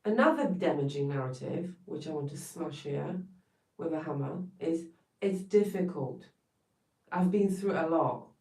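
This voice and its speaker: On a live stream, a Polish-accented wellness coach from Poland gives a frank, emphatic pep talk, dropping the occasional swear word for emphasis. Her voice is lowish and warm, picked up from a distance in a roomy space.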